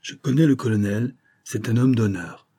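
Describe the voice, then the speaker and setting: A man's voice: medium pitch, moderate pace, dark tone, breathy edge, close to an everyday voice. A man voicing a proud noble count in an audiobook, speaking curtly and with command. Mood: solemn.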